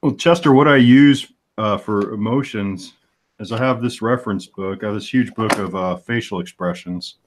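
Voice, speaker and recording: A man in his forties, a comic artist, chats casually on a live stream, thinking aloud as he hunts for the right words. His voice is lowish and his pace normal, with a little hiss or hum in the audio.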